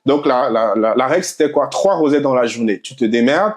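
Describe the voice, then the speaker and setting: A young man from Côte d'Ivoire tells his faith story in a relaxed conversation. He laughs often and repeats words as he goes. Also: mid-range voice, a little fast. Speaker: guest sharing a faith testimony. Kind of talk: casual faith testimony conversation.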